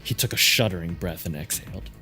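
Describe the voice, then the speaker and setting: A man's voice: sits low, fast, sharp tone. A man reading scripted narration aloud as the narrator of a game playthrough. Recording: music behind the voice.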